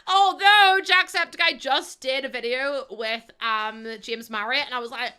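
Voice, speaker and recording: A woman with a high, smooth voice livestreams, chatting casually with her viewers. She's chatty, laughs often, and greets the chat warmly.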